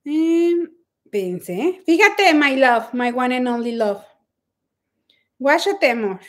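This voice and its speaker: Brash, profane high-pitched Mexican woman. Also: very animated, takes it slowly. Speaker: livestream host. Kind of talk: casual livestream chat.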